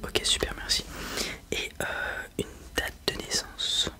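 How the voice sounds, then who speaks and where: A person doing a whispered role-play as a polite, helpful librarian, in a breathy, unvoiced whisper close to the microphone. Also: measured pace. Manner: polite, helpful customer-service patter. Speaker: ASMR performer playing a librarian.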